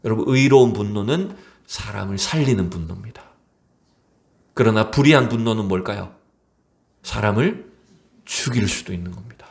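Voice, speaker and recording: A man preaching a sermon with a very lively, swinging pitch. He keeps asking the congregation questions and answers them himself. Now and then he acts out short quotes. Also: moderate pace, vocal fry, pauses often. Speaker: pastor.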